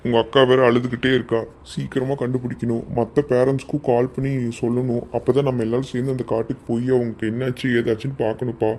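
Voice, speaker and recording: A man's voice: medium pitch, level tone, quick pace, hardly any pauses, a little mellow, close to an everyday voice. A man voicing an anxious father whose daughter has gone missing, in a cartoon. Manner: anxious, pleading, repeated questions. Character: worried father of a missing teenage girl. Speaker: cartoon voice actor.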